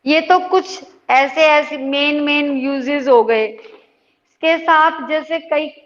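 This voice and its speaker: A woman's voice: high voice, slow. A woman teacher giving an online class lesson, patiently checking in with her students as she explains. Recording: dull lo-fi audio with long reverb.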